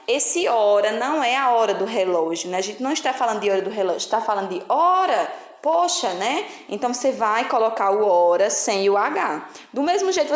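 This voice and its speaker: A woman's voice: on the high side, echoey room. A woman with a Brazilian Portuguese accent, teaching a children's lesson patiently and checking in with the listener often. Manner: patient, explaining slowly with frequent "né?" and "certo?" checks. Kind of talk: recorded classroom lesson.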